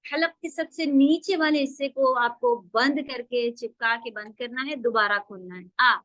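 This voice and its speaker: Brief: female recitation teacher, high voice, dry close sound, drawn-out model sounds. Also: fairly bright tone, no room sound, rough recording. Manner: explains slowly, often drawing out model sounds. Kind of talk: online class lecture.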